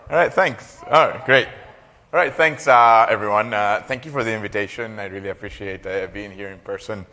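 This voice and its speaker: Speaking on a lapel mic in a large, reverberant lecture hall, a Costa Rican man of about forty delivers a keynote academic lecture, hesitant, full of fillers and little jokes. His voice is on the low side, brisk and sharp in tone.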